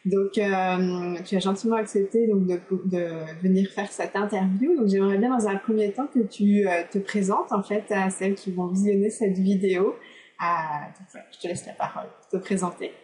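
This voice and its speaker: A woman's voice: mid-range voice, steady tone, normal speed, dark tone, poor audio. French woman host asking questions, friendly, lots of euh, bit of background hiss. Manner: friendly, hesitant, with many fillers. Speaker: interviewer, host. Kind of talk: casual interview.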